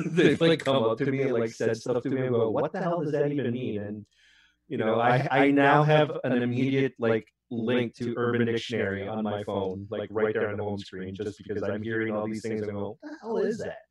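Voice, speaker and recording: Man, podcast host, excitable, rambling chat, mid-pitched voice, echoey room. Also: normal speed. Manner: excitable, rambling, laughs often. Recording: roomy echo.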